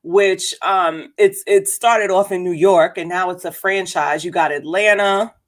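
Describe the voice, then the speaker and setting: A woman's voice: on the low side, fairly even intonation, measured pace. A woman hosting a podcast, chatting casually and upbeat with a guest. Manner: upbeat, chatty, laughs easily. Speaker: podcast host. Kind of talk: casual interview chat.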